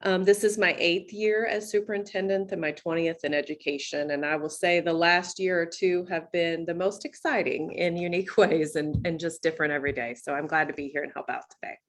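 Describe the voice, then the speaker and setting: A woman's voice: lowish voice, a little fast, hardly any pauses. A middle-aged woman with an American accent, speaking as a school superintendent and webinar guest, explaining things in a conversational professional way.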